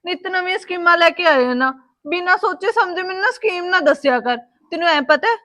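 An actress playing a sharp-tongued young village woman with a Punjabi accent, firing back mocking retorts. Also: extremely high pitch, expressive, brisk, full character voice.

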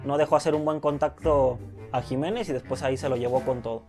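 A young man with a Mexican accent commenting casually on his own football video game match, excitable, swearing and yelling when goals go in. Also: medium pitch, fast. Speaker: gaming youtuber. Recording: loud music behind the voice.

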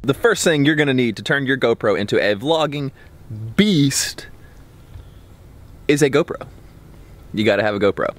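A man's voice: medium pitch, expressive, moderate pace, pauses often. A man in his twenties giving a casual, slangy product review to camera as a vlogger. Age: 20s. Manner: informal, slangy. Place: outdoors, backyard and woods. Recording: faint outdoor background noise.

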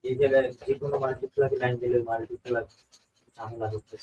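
Flat-voiced Bangladeshi man live-streaming. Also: medium pitch, fast talker, muffled recording, a little hiss or hum. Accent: Bangladeshi Bengali. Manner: repetitive, keeps asking "ঠিক আছে?". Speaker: live-stream host of a ghost-hunting channel. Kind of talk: casual live stream reading viewer comments.

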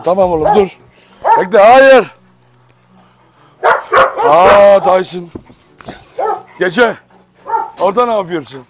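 A man handling large guard dogs on his farm, giving firm commands to calm and scold them while he explains what they do. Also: sits high. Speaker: dog farm owner. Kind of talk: handheld dog-handling vlog.

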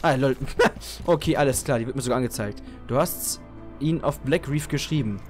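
A man's voice: mid-range voice, normal speed. A man giving casual, slangy gameplay commentary as a let's player, muttering to himself. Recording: game music behind the voice. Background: video game music.

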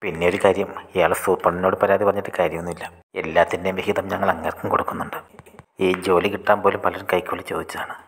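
A man voicing a sly, corrupt male head clerk who talks in a hushed, mocking way. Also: deep voice, level tone, fast talker, long reverb tail, a little hiss or hum.

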